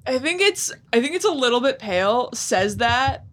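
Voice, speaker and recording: A woman playing a tabletop role-playing game casually, with a husky voice and a curt, dry, dismissive manner. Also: fairly high pitch, animated, moderate pace. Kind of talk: casual in-character game play.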